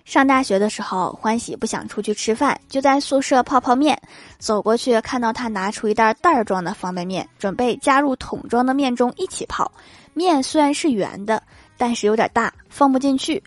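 A woman's voice: a little high, normal speed, no echo. A young woman hosting a joke show, telling funny everyday stories in an upbeat way and chuckling at her own punchlines. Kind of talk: comedic joke storytelling.

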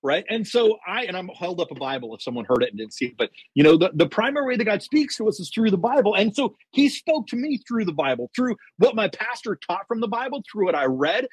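Man, husky voice, high pitch, earnest faith testimony, dry recording. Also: fast talker, hardly any pauses, dry recording. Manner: earnest storytelling, quotes himself and God; many fillers and restarts, excited. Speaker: podcast guest.

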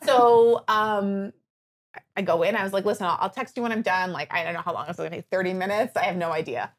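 A woman on a podcast telling her birth story in casual chat, animated and full of fillers, her nose stuffed up. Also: medium pitch, fast.

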